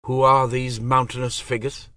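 A man's voice: medium pitch, level tone, moderate pace, bright, forceful tone, no room sound, pitched above the performer's own voice, natural voice. A man voicing an earnest young male magician who asks wary questions. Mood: puzzled.

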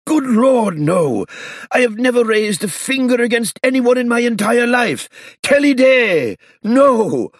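A man voicing an excitable elderly male illusionist who talks in a theatrical, flustered way and drops French phrases. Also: medium pitch, measured pace, breathy edge, dry recording, clean studio sound, pitched above the performer's own voice, exaggerated voice. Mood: agitated. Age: older.

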